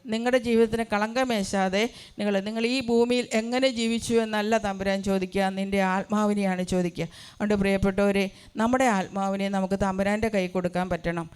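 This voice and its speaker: A woman's voice: mid-range voice, steady tone, brisk, a little mellow, clean tone. A religious sister giving an earnest testimony in a church hall, asking her listeners rhetorical questions. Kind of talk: sermon testimony.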